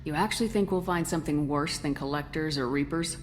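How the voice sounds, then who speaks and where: Very low-voiced woman military commander, acted. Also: fairly quick, soft background music, lightly acted. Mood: warm, probing. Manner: calm, firm, direct. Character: steady, supportive human female military commander. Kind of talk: video game voice acting.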